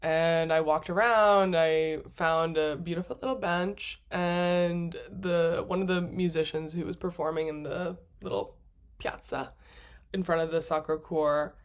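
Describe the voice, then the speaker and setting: Woman travel vlogger with a lower register, chatty and gushing, quick to laugh mid-sentence. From United States. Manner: acts out her own past thoughts in quoted asides. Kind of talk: casual storytelling to camera.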